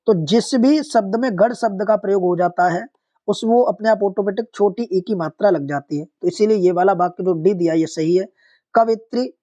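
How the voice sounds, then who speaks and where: A methodical exam-prep teacher explains each practice question step by step and says every corrected word again, speaking straight to the students. The voice is warm and mellow. The recording sounds dull and lo-fi. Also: mid-range voice.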